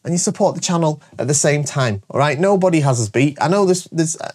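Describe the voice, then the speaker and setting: A fast-talking man with a voice on the high side hosts his show while stuffy and bunged up from a cold. He runs a shop and talks to camera in a casual promotional monologue, energetic, jokey, and repeatedly adding "all right?"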